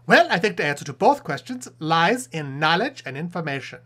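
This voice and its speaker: A performer voicing a cheeky male puppet professor who hosts a comedic sex-advice show, playful and jokey, with quick muttered asides. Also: mid-range voice, sing-song, bright, forceful tone.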